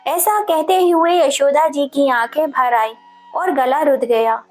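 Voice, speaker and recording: A woman telling a story in scripted narration, with a steady storytelling delivery. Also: high-pitched, takes it slowly, soft background music.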